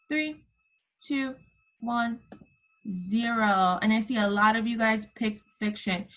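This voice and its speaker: Her voice sits fairly high in this rough recording, made on a computer microphone during a video call. She is a kindergarten teacher leading young children through an interactive online lesson, encouraging them with simple prompts and endearments.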